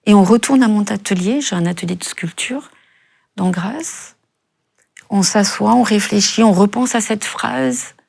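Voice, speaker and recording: A middle-aged Frenchwoman tells her story in an interview, her voice gravelly with fry. She speaks in halting bursts, often stopping and repeating words. Her pitch sits in the middle for a woman. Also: darkish tone. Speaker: guest, bereaved mother. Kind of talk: emotional testimony interview.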